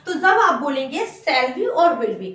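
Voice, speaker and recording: Woman teacher, high voice, patient repetitive explaining, echoey room, distant mic. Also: very animated, fairly bright tone. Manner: explains slowly, repeats each example. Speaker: English teacher. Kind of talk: classroom grammar lesson.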